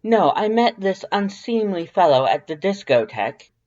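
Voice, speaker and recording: A woman with a mid-range, slightly mellow voice acts in a fan fiction audio drama, lightly playing a prissy, verbose male skeleton. Her delivery is very animated and playful at a moderate pace, formal, grandiose and carefully enunciated, though the audio sounds dull.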